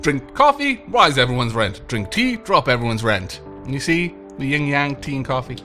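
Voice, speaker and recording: A very animated man speaks at normal speed in a mid-range voice that's bright and forceful. Slightly sick with a cold, this let's play host chats playfully to himself and the game's tenants during casual gameplay commentary, with game music behind him.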